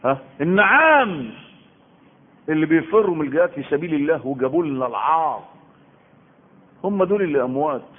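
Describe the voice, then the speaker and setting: A man's voice: fairly high pitch, very fast. A man with an Egyptian Arabic accent, giving an emphatic Quran lesson, repeating phrases and firing rhetorical questions. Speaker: Islamic preacher giving Quran commentary. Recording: tinny phone-like audio.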